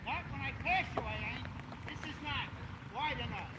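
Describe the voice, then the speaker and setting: A man's voice: extremely high pitch, normal speed, bright, forceful tone, low-quality recording. A man in a park arguing angrily and belligerently with a stranger outdoors. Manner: angry, belligerent. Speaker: passer-by in a park.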